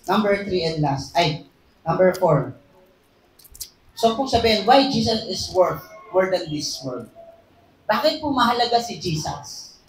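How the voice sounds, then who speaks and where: A preacher giving an emphatic sermon, at times shouting and often asking the congregation "Hello?". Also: mid-range voice. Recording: echoey hall, distant mic, faint hum.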